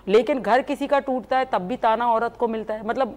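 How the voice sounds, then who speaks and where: A woman's voice: fairly high pitch, darkish tone. A woman guest on a studio talk show from Pakistan, speaking in an earnest, indignant way and often agreeing with the host.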